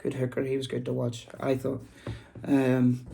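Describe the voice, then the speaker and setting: A man's voice: mid-range voice, completely flat delivery, measured pace, creaky, mellow, a little hiss or hum, poor audio. A man with a Belfast, Northern Irish accent giving casual, rambling commentary as a boxing vlog host, talking into a phone. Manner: rambling, informal. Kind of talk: casual chatty commentary to camera.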